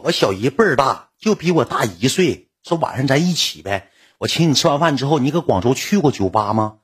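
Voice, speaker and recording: A man with a Northeastern Chinese accent who tells his own story to viewers in a blunt, colloquial way. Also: lowish voice. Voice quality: very husky.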